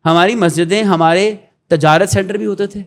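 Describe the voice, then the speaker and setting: A middle-aged man with a Pakistani accent talks in a fairly high voice. He holds forth in an earnest, preachy way and keeps acting out what other people say. The delivery is conversational, as a guest in an interview. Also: fairly even intonation. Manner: earnest, preachy storytelling with quoted asides. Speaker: guest, education founder.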